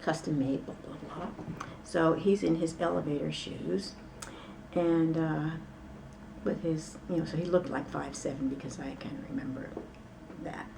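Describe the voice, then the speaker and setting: Gravelly low woman rambling thru a story, lots of ums, a bit far from the mic. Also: steady tone, a little slow, background noise. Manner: rambling, with many fillers and asides. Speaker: interview guest. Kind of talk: casual storytelling.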